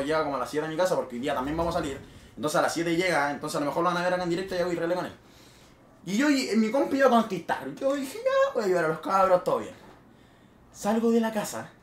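Young chilean guy, streamer, rather high voice, roomy echo, swearing storyteller. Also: a little hiss or hum. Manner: animated, swears freely, with sudden loud bursts. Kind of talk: casual storytelling.

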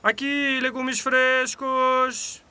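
Friendly farmer at a market, kids cartoon, slow n really bright. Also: male voice, extremely high pitch, level tone, clear, resonant tone, exaggerated voice. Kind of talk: children's cartoon voice acting.

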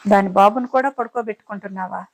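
A woman's voice: mid-range voice, quick pace, natural voice, rough recording. A woman reading as a drunk, sneering lover. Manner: wheedling, then mocking and crude. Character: drunk crude pushy young man lover. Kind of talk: dramatized audiobook reading.

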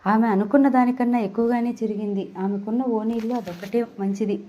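Mellow-voiced woman narrating a novel. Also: fairly high pitch, brisk, lo-fi sound. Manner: steady storytelling read. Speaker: audiobook narrator.

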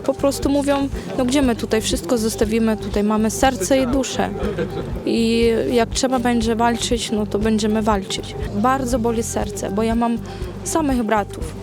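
A woman's voice: a little high, steady tone, moderate pace, over music. A woman from Ukraine speaks emotionally and pleadingly in a spontaneous street interview. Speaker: protest participant interviewed. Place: outdoors in a town square.

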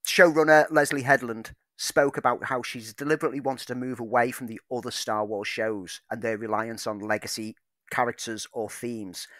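A man's voice: medium pitch, a bit bright, no echo, clean studio sound. A man co-hosting a film podcast, reading out news items and then riffing on them with enthusiasm. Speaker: podcast co-host. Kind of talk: casual film chat.

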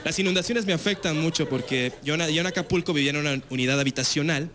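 A young Mexican man with a Mexican accent performs a casual, slangy stand-up set on a TV studio stage before a live audience. His voice is high-pitched and there is background noise. His delivery is loose and slangy, full of filler tags.

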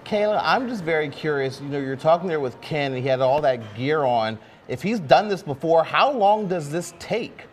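A man's voice: on the high side, expressive, moderate pace, few pauses, a little hiss or hum. A young man working as a studio news anchor, presenting and putting questions to a reporter.

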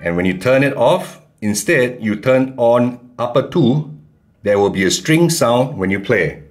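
A man calmly giving step-by-step keyboard instructions in a tutorial. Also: mid-range voice, unhurried, over music. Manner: calm, plain instructions. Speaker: keyboard teacher.

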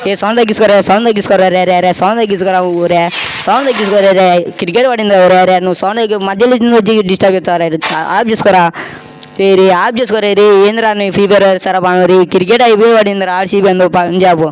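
A man performing a comedic skit as an excitable cricket fan who keeps shouting at others. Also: high-pitched, rapid-fire, rough recording.

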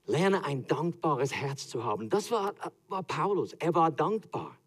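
A man's voice: fairly high pitch, very animated, measured pace, husky. A man with a Swiss German accent preaching a sermon as pastor, telling stories animatedly and acting out quotes with laughter.

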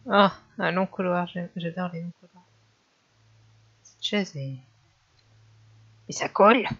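Woman rambling through a horror game from her dark bedroom, lots of ums, kinda lo-fi. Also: lowish voice, takes it slowly, slightly rough. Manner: chatty, hesitant with many fillers. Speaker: gamer. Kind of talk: casual let's play commentary.

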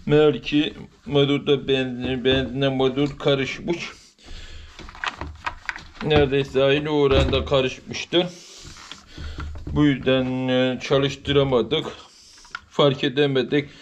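A man in his thirties talks through a repair in a plain, matter-of-fact way, his voice flat and of middle pitch. He is recorded on a camera mic in an open workshop, with steady noise behind him. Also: slow pace, long pauses, lo-fi sound. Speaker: repair channel host. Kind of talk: casual repair walkthrough. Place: open workshop with outdoor light. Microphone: camera mic, filming his own hands.

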